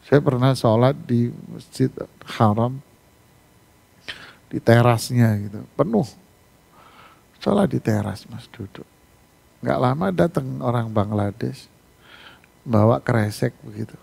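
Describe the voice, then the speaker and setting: Animated, gravelly male preacher. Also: mid-range voice, takes it slowly, long pauses. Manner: animated storytelling with rhetorical questions. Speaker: Islamic preacher. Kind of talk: mosque sermon on Quran exegesis. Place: mosque.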